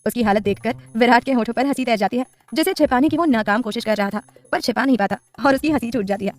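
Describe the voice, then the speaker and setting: A woman narrating a romantic serial story, reading with expressive voices for the dialogue. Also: on the high side, fast, no room sound.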